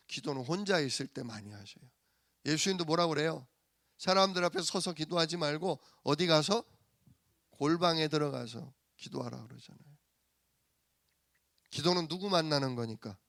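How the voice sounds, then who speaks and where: A man preaching a sermon as pastor, animated and full of rhetorical questions to the congregation. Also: fairly high pitch, no echo, studio quality. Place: church sanctuary.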